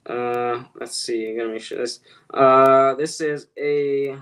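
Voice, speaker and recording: Over a rough recording, a man with a steady, mid-range, slightly bright voice speaks slowly. He makes real estate cold calls while chatting casually to his viewers, wandering off topic, correcting himself, and addressing them directly.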